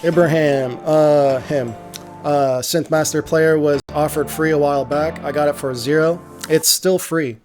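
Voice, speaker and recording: A man hosting a casual livestream, answering viewer questions about music software in a relaxed way, trailing off with fillers. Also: a little high, a little slow. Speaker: music producer streamer.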